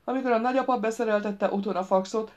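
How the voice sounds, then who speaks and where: A woman voicing a stubborn, sharp-tongued young girl in an audiobook, snappy and indignant. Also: fairly high pitch, steady tone, pitched above the performer's own voice, close to an everyday voice.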